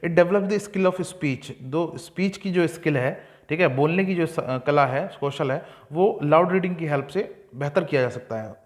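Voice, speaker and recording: A young man with a fairly high voice teaches an exam-prep lesson. He reads each English point slowly and deliberately. Then he explains it in Hindi, with many fillers.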